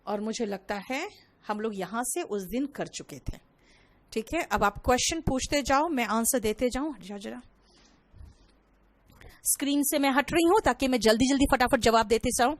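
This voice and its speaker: Her voice sits high as she runs an online English vocabulary lesson. The young teacher explains things in Hindi, slipping in English terms and addressing her students as "beta".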